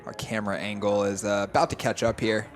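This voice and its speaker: A young man commentating a live poker stream in a relaxed, analytical way. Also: on the low side, fast talker. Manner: easygoing, analytical. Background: crowd chatter of a poker room.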